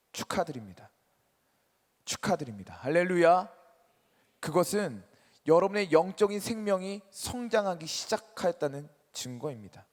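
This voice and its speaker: A man preaching to a college group, emphatic and questioning his congregation, his delivery swinging between loud and soft. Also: fairly high pitch. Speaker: pastor. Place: church sanctuary. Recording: reverberant church hall.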